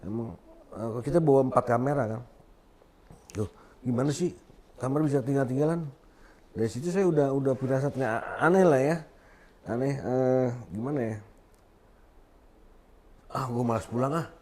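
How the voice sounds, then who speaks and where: Animated man retelling his story. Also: medium pitch, normal speed, long pauses. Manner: animated, acts out quoted dialogue, many fillers and restarts. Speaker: interview guest giving testimony. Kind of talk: emotional storytelling.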